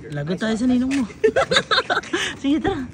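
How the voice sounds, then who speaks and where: A woman vlogger chatting casually, teasing and reacting quickly with laughs. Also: high-pitched, wildly swooping pitch. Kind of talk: casual chat. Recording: noisy background.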